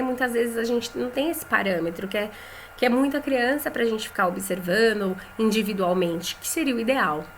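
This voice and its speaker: A woman with a Brazilian Portuguese accent teaching a lesson for teachers, talking in a chatty way, often adding "né?", and saying example words slowly and clearly. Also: mid-range voice, fairly bright tone, a little hiss or hum. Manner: conversational, tags phrases with "né?".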